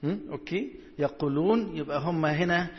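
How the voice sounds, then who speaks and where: A man with an Egyptian Arabic accent preaching a sermon, reading scripture slowly and asking his listeners questions. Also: fairly high pitch, long reverb tail, lo-fi sound. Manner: coaxing, asks the audience questions, reads verses slowly. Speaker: church preacher. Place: church hall.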